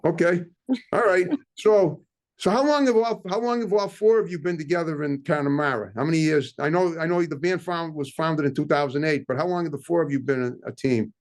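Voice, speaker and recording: Brief: fast, slightly high-voiced male host, chatty interviewer. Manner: quick, chatty questions with restarts. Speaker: talk show host. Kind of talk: casual interview.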